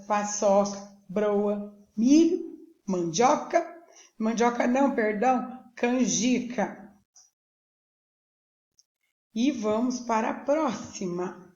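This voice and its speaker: A woman teacher with a Brazilian Portuguese accent gives a recorded lesson for young pupils, explaining slowly and patiently and often checking that they follow. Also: medium pitch, lively intonation, a little mellow. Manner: slow, patient, checks in with "tá joia?". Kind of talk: recorded remote school lesson. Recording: echoey room, dull lo-fi sound.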